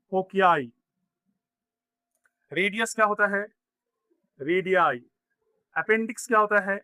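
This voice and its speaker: A male English teacher with a high, bright voice gives a grammar lesson in Hindi in a classroom setting. He goes step by step, asking questions and answering them himself, and there's no echo.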